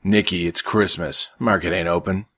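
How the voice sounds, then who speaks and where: A man voicing a calm, dry-humored priest brother. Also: deep voice, moderate pace.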